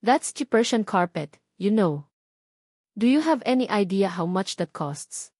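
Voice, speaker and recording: A haughty, scornful lady of the house, as a woman reads her part in an audiobook, cutting and condescending, her voice climbing as she scolds. She sits at a middle pitch, and the recording is dry and close. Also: very animated, unhurried, darkish tone, dry recording.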